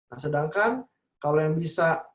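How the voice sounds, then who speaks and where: A middle-aged man with a voice pitched a bit above most men's, giving a relaxed seminar talk to parents over a video call. He speaks in a loose, chatty way, keeps checking in with his listeners, and slips into playful voices when he quotes children and parents. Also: normal speed, echoey room. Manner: chatty, frequently tags sentences with "gitu ya" and acts out quoted voices.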